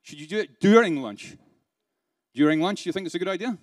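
A man's voice: sits high, expressive, brisk. A man with a slightly raised voice delivers a keynote to a live audience. He is interactive and playful, firing rhetorical questions at the crowd and chuckling between points. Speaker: keynote speaker. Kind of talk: conference keynote speech. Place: conference hall with a live audience.

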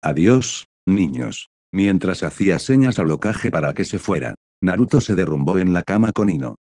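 A man narrating a fan fiction story in an even, matter-of-fact reading. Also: sits low, a little fast, dry recording, clean studio sound.

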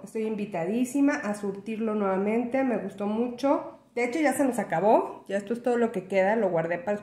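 A woman's voice: mid-range voice, mellow, roomy sound. A woman chatting casually in a product review vlog, friendly and full of fillers. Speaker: vlogger reviewing a cereal.

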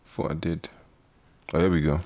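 A man's voice: rumbling low, little pitch movement, moderate pace, a little mellow, a little hiss or hum. A young man co-hosting a book discussion podcast, informal, often restarting his sentences. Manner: restarts a lot, informal slang. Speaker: podcast co-host.

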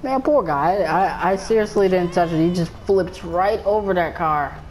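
A woman giving casual gameplay commentary, excitable and rambling, often stumbling and repeating her words. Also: lowish voice, moderate pace, slight background noise, poor audio.

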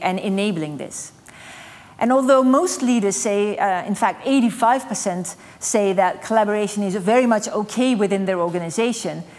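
A middle-aged woman delivering a conference keynote on a studio stage, explaining with energy and the odd "um". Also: medium pitch. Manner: energetic, gesturing, explanatory with light fillers. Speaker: keynote speaker. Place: stage in a dark studio with large screens.

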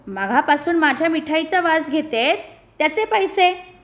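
A woman's voice: high-pitched, animated, unhurried, fairly bright tone. A woman voicing a greedy male sweet seller who bossily demands money, in a storybook lesson. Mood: demanding.

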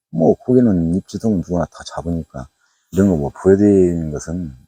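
A middle-aged man with a Jeolla Korean accent and a very low, dark, husky voice chats loosely through a night fishing vlog. He rambles along with plenty of fillers. The sound is dry and close. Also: no room sound. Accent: Jeolla Korean dialect. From Jeolla province, Korea. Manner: rambling, chatty, frequent "eo" fillers. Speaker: fishing YouTuber. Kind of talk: casual fishing vlog narration. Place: outdoors at a waterway at night.

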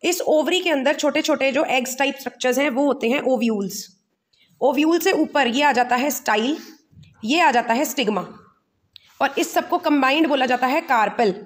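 A woman with an Indian accent teaching a lesson, reading English lines slowly and then explaining them again in Hindi. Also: high-pitched.

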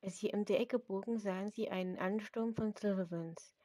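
A woman's voice: mid-range voice, normal speed, no echo. A woman reading her own story chapter aloud as narrator, with occasional slips and restarts. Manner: reads at an even pace with occasional slips and restarts.

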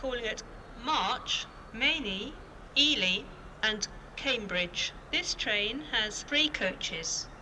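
Echoey train station loudspeaker woman. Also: a little high. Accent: British. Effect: train station loudspeaker announcement. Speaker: station announcer. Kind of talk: automated platform announcements. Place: railway station platform. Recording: echoey station from far off, noisy.

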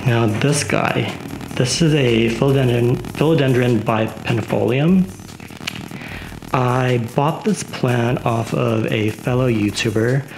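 A man's voice: mid-range voice, gravelly, background noise. A man giving a casual tour of his houseplants at home, rambling with lots of fillers. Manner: relaxed, unhurried. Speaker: plant vlogger.

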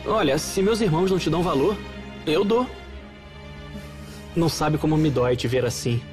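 An actor dubbing a devoted, anxious young son who talks earnestly. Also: male voice, a little high, animated, a little mellow, faint music behind, lightly acted. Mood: tender. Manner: earnest, quick-talking. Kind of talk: dubbed telenovela acting.

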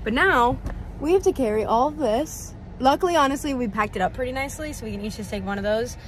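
A fairly high-pitched woman talks fast and expressively in her upbeat phone vlog, leaning on "like" and "literally." She's in her twenties, recording indoors at a large warehouse store with the camera at arm's length, and there's a little hiss or hum.

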